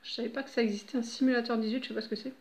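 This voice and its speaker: A woman's voice: fairly high pitch, fairly even intonation, racing, darkish tone. A middle-aged woman at home, chatting casually and rambling with laughs and fillers. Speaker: vlogger.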